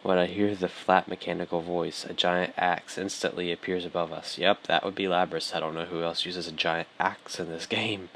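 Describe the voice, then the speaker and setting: A man's voice: low-pitched, level tone, moderate pace, few pauses, fairly bright tone, a little hiss or hum. A man hosting a let's play, reading the game text aloud in an offhand, dry way, stumbling over lines, with game music behind.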